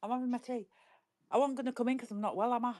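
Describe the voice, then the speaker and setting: A woman's voice: a little high, steady tone, very fast, noisy background. A woman answering curtly and grumpily on a casual fan podcast while having her tea. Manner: grumpy, curt. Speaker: podcast guest. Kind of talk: casual chat.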